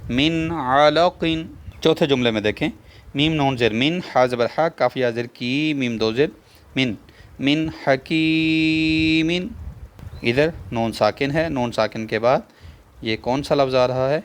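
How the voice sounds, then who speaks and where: A man's voice: medium pitch, a little hiss or hum. Patient man spelling out a reading lesson. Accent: Pakistani Urdu. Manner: spells out letters and vowel marks, then drawls the joined words slowly; asks the viewer questions and repeats each rule. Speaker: Quran reading teacher. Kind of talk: step-by-step recitation lesson.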